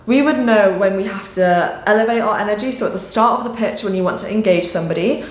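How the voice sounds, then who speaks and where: A woman talking casually to camera as a sales coach, expressive, often shifting her pitch and energy as she explains. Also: fast. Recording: echoey room.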